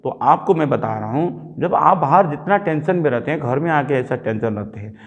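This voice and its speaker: Speaking at normal speed in a slightly high voice, a Nepali man from Nepal tells a childhood story during his sermon. He narrates with animation and performs the dialogue himself.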